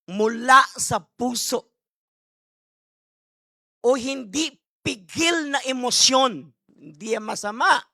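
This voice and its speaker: A man preaching as a bishop, mixing Tagalog and English as he works through his sermon. His voice is bright and forward, recorded close and dry with no room sound. He leans hard on key words, keeps asking the congregation questions and drops playful asides between points. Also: very high voice, dry recording. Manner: emphatic, asks the crowd rhetorical questions and calls for amens.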